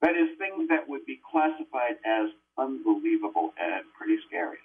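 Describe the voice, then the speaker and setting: An older man phones in as a guest exorcist, his voice thin and tinny as if squeezed through a cheap headset on a phone call. He sits back from the mic, so he sounds faraway. His speech is earnest and halting, with lots of fillers and restarts. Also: medium pitch, sing-song. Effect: tinny, distant phone line like a headset mic. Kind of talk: call-in radio interview. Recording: tinny phone line heard from far off.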